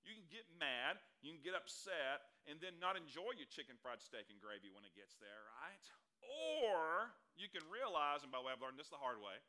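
Folksy pastor with a bright voice. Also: male voice, mid-range voice, fairly quick, few pauses. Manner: folksy, asks the congregation questions. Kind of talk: sermon. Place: church hall before a congregation.

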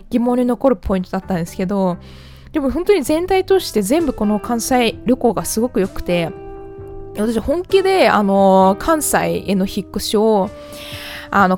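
A woman from the Kanto region, chatting politely as the host of her own solo podcast, with many fillers. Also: a little high.

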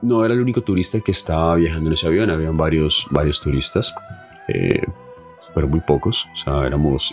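A young man with a Colombian accent casually telling a travel story in a chatty, animated way, full of asides and fillers. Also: low-pitched. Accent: Colombian Spanish.

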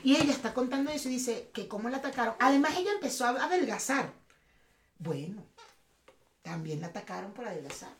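A Venezuelan woman co-hosting a podcast, talking in a loose, slangy way. Her voice sits a little high, and she jumps into other people's voices when she quotes them. The room has a noticeable echo. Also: animated, fairly quick. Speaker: podcast co-host. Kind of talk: casual chat. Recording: echoey room.

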